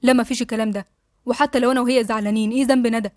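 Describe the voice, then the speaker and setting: A woman's voice: on the high side, steady tone, very fast, a little mellow, dry recording, clean studio sound, close to an everyday voice. A woman with an Egyptian accent voicing a puzzled, anxious young husband who keeps pressing with questions. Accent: Egyptian Arabic. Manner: insistent questioning.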